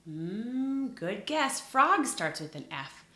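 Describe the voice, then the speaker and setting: A woman teacher tutoring young children in phonics, sounding out letters expressively with exaggerated gasps and hushed asides. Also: mid-range voice, sing-song, slow pace. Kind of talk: children's lesson addressed to viewers. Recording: roomy echo.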